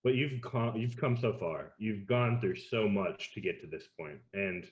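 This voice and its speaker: Male game master, lowish voice, roomy sound, calm storyteller. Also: a little slow, highs cut off. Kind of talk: narrating a tabletop game. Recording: roomy echo.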